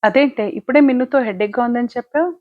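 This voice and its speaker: A woman's voice: a little high, very fast, no echo, voice pushed up, lightly acted. A woman playing a caring older sister who lectures her younger sister with firm moral advice. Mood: worried. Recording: dull lo-fi, dry.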